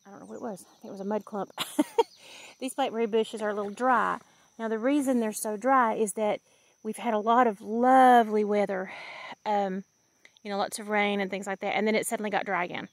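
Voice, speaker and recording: A woman's voice: medium pitch, fairly even intonation, fairly quick, dry recording. A woman in her fifties walks outdoors through a blackberry patch and films a homey, chatty vlog with fillers and easy laughs. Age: 50s. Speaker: vlogger.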